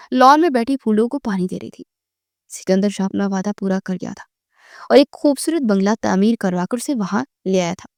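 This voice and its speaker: A woman reading a romance novel aloud in an even, steady storytelling manner. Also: medium pitch, dry recording, clean studio sound. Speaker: novel reader.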